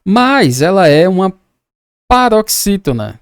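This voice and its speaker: A man's voice: high voice, big pitch swings, takes it slowly, smooth, dry recording, clean studio sound. A man from Brazil teaching an exam-prep lesson, patiently repeating and breaking down words as he explains quiz answers. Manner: patient, repeats and spells out words, casual asides.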